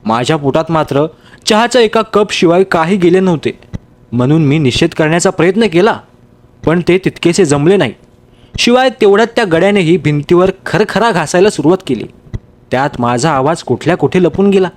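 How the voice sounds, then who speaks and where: A man reading a story aloud in a steady, measured way. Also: a little high. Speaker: story reader. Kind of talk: storybook narration.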